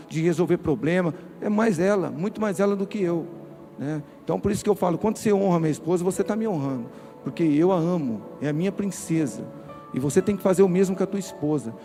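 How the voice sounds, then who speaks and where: Emphatic Brazilian pastor preaching. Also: male voice, a little high, warm tone. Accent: Brazilian Portuguese. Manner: emphatic, direct, addresses listeners. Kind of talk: sermon. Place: church.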